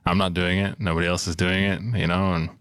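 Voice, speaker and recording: A man's voice: low-pitched, flat delivery, fast talker, fairly bright tone, clear, resonant tone, no echo, clean studio sound. A man in his thirties from Alaska, a podcast guest who talks in a loose, rambling way full of fillers. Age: 30s. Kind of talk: casual podcast conversation.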